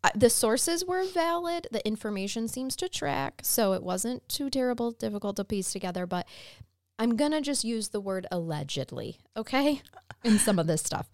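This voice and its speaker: A woman with a sleepy early-morning voice that still moves through lively swings of pitch. She chats casually as a true crime podcast co-host, wry and self-deprecating, in a dry, close recording. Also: normal speed, dry recording.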